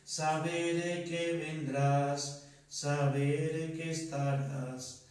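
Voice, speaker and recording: A man, a priest, celebrating Mass, singing and reciting prayers in a slow, measured way, with a cathedral echo around his voice. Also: fairly high pitch, level tone, darkish tone. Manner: slow, measured liturgical delivery, partly sung. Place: large church. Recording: echoey church, voice from far off the mic.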